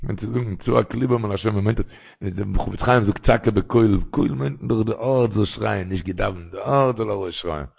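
A man's voice: on the low side, normal speed, gravelly, slightly rough. A man telling religious stories in a rambling way, repeating his phrases. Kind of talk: storytelling religious talk. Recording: tinny phone-line sound.

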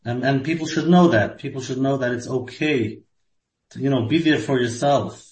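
A man's voice: medium pitch, normal speed, darkish tone. A man hosting a spiritual talk show, speaking earnestly with many "you know" fillers. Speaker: host. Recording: roomy echo.

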